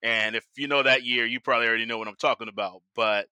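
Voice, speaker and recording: A man's voice: medium pitch, steady tone, fast, sharp tone, clean tone, no echo. An American man hosting a podcast in casual, slangy chat, with hype-man flourishes when he announces things. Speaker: podcast host.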